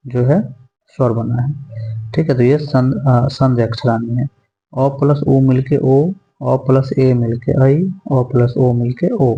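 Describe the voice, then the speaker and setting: A man's voice: medium pitch, mellow. A man teaching a grammar lesson, patiently repeating each point and putting questions to his students. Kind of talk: classroom lesson explaining grammar. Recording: dull lo-fi sound.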